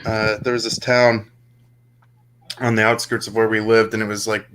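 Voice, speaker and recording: A man's voice: on the low side, little pitch movement, moderate pace, a bit bright. A young man casually telling a long story on a podcast, rambling with many fillers and restarts. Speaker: podcast co-host.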